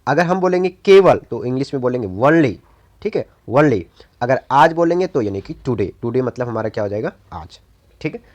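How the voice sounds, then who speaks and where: A man's voice: medium pitch, expressive, moderate pace, darkish tone. A man with a Hindi accent teaching basic English words, repeating each one and asking and answering his own questions. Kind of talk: vocabulary lesson.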